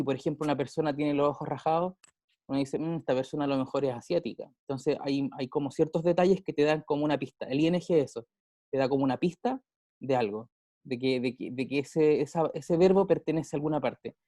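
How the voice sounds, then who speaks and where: A man's voice: a little high, fairly quick, dark tone, dry recording, clean studio sound. A male teacher with a Chilean accent, explaining grammar in a casual way with everyday examples and frequent check-ins with his pupils. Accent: Chilean Spanish. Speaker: English teacher.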